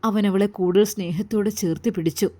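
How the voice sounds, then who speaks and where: A woman storyteller narrating a story in a calm, gentle way. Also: medium pitch, fairly quick. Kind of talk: scripted narration.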